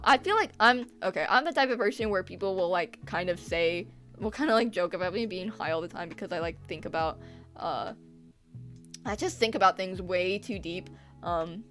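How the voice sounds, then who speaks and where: A young woman live-streaming her art, chatting casually, rambling and swearing, losing her train of thought and breaking into animated rants. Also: medium pitch, moderate pace, faint music behind.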